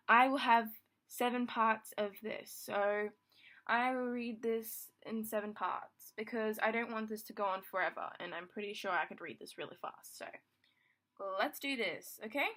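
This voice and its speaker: Bright-voiced young woman reading fan fiction. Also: a little high, poor audio. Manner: stumbling, rereads words, restarts sentences. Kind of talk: casual story reading aloud.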